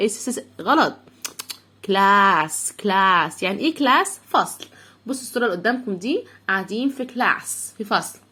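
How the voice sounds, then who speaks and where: A woman with an Egyptian Arabic accent, teaching an English phonics lesson for young children. She sounds out words slowly, letter by letter, and asks the listener to repeat after her. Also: mid-range voice, breathy edge.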